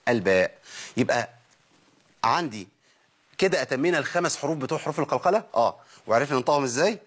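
Fast husky Egyptian recitation teacher. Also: male voice, mid-range voice, expressive. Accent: Egyptian Arabic. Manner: poses questions and answers them himself, models sounds for repeating. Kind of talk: recorded tajweed lesson.

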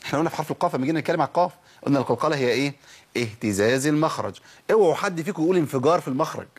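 A man with an Egyptian Arabic accent gives a quick-paced tajweed lesson on Quran recitation in a husky, fairly high, expressive voice. He asks his listeners questions and answers them himself. To demonstrate pronunciation, he repeats letters and words aloud.

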